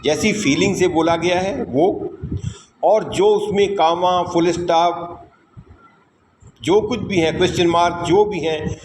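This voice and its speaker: A man with an Indian accent teaching spoken English, stressing each word deliberately and switching between Hindi and English. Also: fairly high pitch, a little mellow. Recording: echoey room with background noise.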